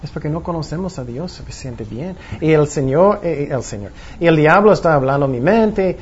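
A man with a high voice preaches a sermon in a plain teaching tone. He asks his listeners rhetorical questions and acts out their anxious inner voices. The recording is dull and lo-fi, with a faint hiss behind him. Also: animated, moderate pace.

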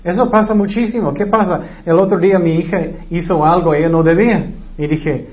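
A man's voice: high voice, steady tone, fairly quick, highs cut off. A man preaching a sermon earnestly, now and then acting out whiny excuses in quoted voices.

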